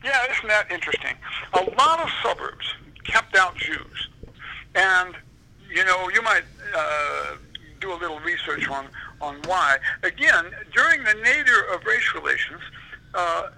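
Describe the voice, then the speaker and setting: Gravelly bright-voiced historian man. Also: sits high, expressive, unhurried, rough recording. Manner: rambling, digressive explaining. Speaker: author and historian guest. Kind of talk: interview answers.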